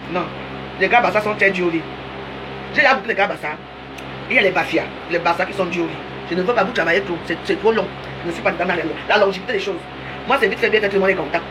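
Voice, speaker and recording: Talking quickly, a fifty-something woman streaming live on social media teases and rambles through a chatty rant, naming viewers as she speaks to them directly. Her pitch is an everyday middle range, and a constant hiss runs beneath her voice in the noisy audio.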